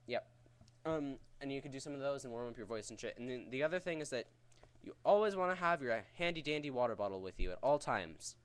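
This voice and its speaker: A man's voice: medium pitch, animated, quick pace, few pauses, clear, resonant tone. A man giving a casual, rambling vocal technique tutorial in a crude, jokey, profane way. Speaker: vocal tutorial host teaching screaming technique.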